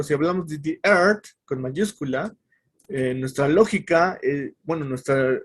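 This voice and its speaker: A man teaching a casual English lesson online. He explains step by step and often stops to correct himself, with fillers along the way. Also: on the high side.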